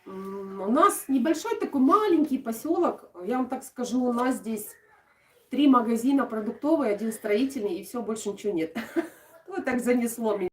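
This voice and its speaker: Young woman w odesa accent doing a casual livestream chat, kinda halting, echoey room, mic far away. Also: on the high side, animated, darkish tone. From Odesa region, Ukraine. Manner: affectionate, uses endearments and diminutive names. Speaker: craft video blogger and live streamer. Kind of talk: casual live-stream chat with viewers. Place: indoors at home. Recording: echoey room, distant microphone.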